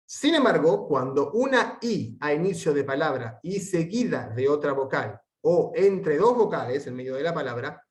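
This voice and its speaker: A man teaching an online Latin class, reading the text aloud and spelling out syllables and sounds slowly and carefully. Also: a little high, expressive. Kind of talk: recorded online lesson.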